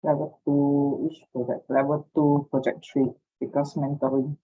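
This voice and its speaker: A woman's voice: deep voice, level tone, moderate pace, slightly rough, soft background music. A woman with a Malaysian accent chatting casually in Singlish-style English mixed with local words, on a dull recording. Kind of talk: casual chat. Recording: dull, lo-fi sound.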